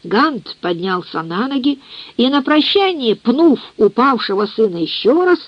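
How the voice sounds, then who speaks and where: A woman narrates a novel in a measured, expressive way. Her voice is husky and a little breathy. The recording is dry and sounds dull and lo-fi. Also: fairly high pitch, no room sound. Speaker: audiobook reader. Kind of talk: scripted literary narration.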